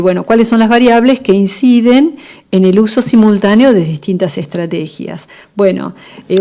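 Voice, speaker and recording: Argentine woman lecturer, warm low-key timbre, patient explanatory delivery full of pauses. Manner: explanatory, frequent fillers and pauses. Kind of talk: recorded lecture on literacy.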